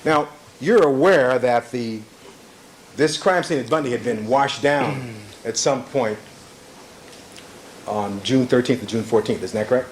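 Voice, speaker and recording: A man's voice: mid-range voice, unhurried, pauses often, slight background noise, low-quality recording. A man cross-examining a witness as an attorney in a courtroom recording, pressing with repeated leading questions.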